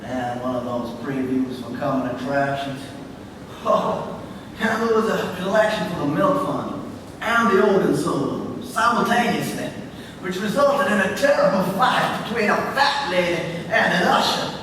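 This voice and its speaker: An actor playing a drunk, sardonic young man in a stage play, telling things in a rambling, drawn-out, theatrical way. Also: animated, fairly bright tone. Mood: tipsy rambling. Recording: echoey hall from far off, noisy rumble.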